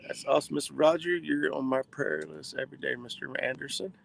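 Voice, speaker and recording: A man's voice: fairly high pitch, fairly even intonation, quick pace, vocal fry, a bit bright, poor audio. A man in his forties hosting a fishing livestream from a boat, chatting casually and reading viewer comments. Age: 40s.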